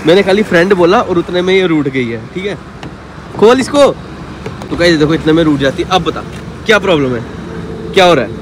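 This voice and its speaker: High-voiced man vlogging from a car. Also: expressive, brisk, pauses often. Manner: coaxing and teasing, turning exasperated. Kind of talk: casual vlog chat while driving. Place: inside a car. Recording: faint outdoor traffic noise. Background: car and street sounds.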